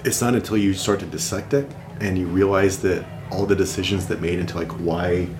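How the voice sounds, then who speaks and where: A man's voice: low voice, steady tone, a little fast, background noise. A man talking casually as an interview guest, reflective and rambling with restarts. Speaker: guest designer. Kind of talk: casual conversation.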